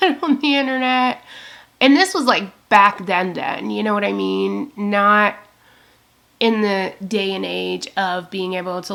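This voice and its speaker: A woman's voice: medium pitch, gravelly, fairly bright tone. A woman in her thirties rambling casually to her camera, telling a long personal story with lots of swearing and quoted asides. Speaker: beauty vlogger. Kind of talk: rambling get-ready-with-me chat.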